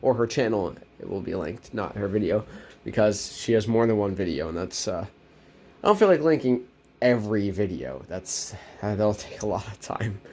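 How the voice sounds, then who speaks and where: A teenage boy vlogs casually from his bedroom, nasal as he gets over a cold, rambling with lots of ums and restarts while moving around the camera mic. His fairly low voice is animated and a little mellow at normal speed, with slight background noise.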